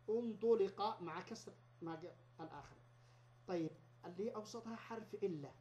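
A man lecturing on grammar at university level, explaining step by step and repeating example words slowly. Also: high voice, slight background noise. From Yemen. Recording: dull lo-fi lecture recording.

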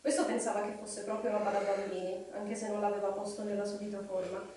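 Woman reading aloud in an echoey hall. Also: mid-range voice. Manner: measured, expressive storytelling. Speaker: reader. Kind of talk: live storybook reading. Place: live reading evening in a hall. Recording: echoey hall, distant mic, faint noise.

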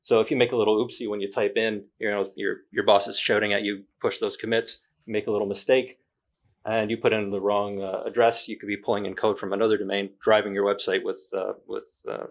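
A man's voice: fairly low pitch, flat delivery, fast. A man with a Canadian accent giving a conference talk in a plain, direct way, with frequent ums and uhs. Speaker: conference presenter.

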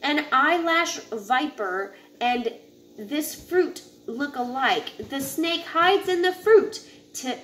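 Reading a children's picture book, a woman with a high voice keeps a slow, unhurried pace and a deliberate, instructive manner, yet she sounds animated and a bit bright. The recording was made at home, indoors in a living area with a kitchen, and it is noisy, with room ambience and faint background sounds.

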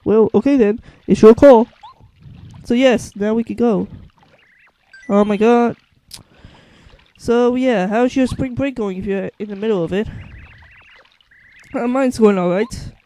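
A man's voice: high-pitched, a little slow, long pauses, mellow. A young man giving casual gameplay commentary as the host, swearing often and tripping over words. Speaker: let's play host.

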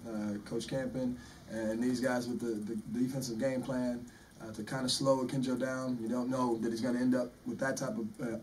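Man in his 40s, basketball coach, measured postgame answers, repeats words, distant room mic, faint hiss. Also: mid-range voice, a little mellow. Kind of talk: postgame press conference answers. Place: press room in front of a sponsor backdrop. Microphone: table microphone, recorded from the room.

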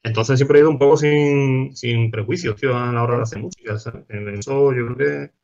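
A man with an Andalusian Spanish accent, a guest musician chatting casually and fast, full of slang fillers. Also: mid-range voice, gravelly, darkish tone. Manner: fast, slangy, says "tío" and "¿sabes?" constantly. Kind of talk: casual podcast chat. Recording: dull lo-fi sound.

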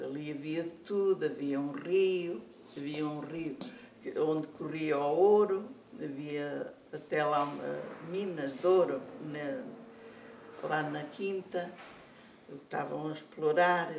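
An older speaker with a European Portuguese accent, slowly recalling family memories with many restarts. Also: mid-range voice, creaky, darkish tone, slight background noise. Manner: slow, halting recollection with many restarts. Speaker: senior storyteller. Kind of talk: life story told aloud. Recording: echoey room, speaker far from mic.

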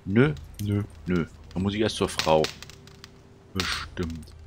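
A man's voice: sits low, slow, noisy background. A man giving casual let's play commentary, muttering to himself while searching aloud.

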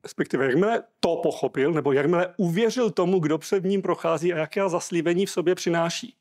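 A man's voice: a little high, a little mellow. A Czech man preaching a sermon, reading scripture aloud and explaining it earnestly.

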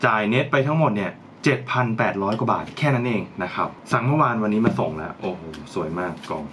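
A sing-song, fast-talking man with a voice on the low side unboxes gear for his channel, chatting and thinking aloud as he tries it out. The background is noisy.

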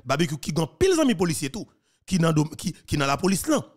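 A man's voice: a little high, sing-song, fast talker, slightly rough. A man in his thirties with a Haitian accent, giving earnest commentary into a studio mic in a small room. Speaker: news commentator. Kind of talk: commentary on a played clip. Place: small plain room, indoors. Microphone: studio mic on a boom, wearing headphones.

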